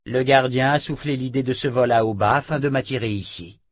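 A man voicing a resolute young swordsman who explains calmly. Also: medium pitch, fairly quick, no echo, clean studio sound, natural voice.

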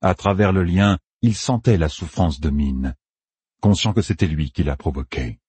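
Casting: deep, raspy male narrator, lively pitch, dry booth sound. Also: normal speed, no echo. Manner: dramatic, expressive reading. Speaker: audiobook narrator. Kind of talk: scripted narration.

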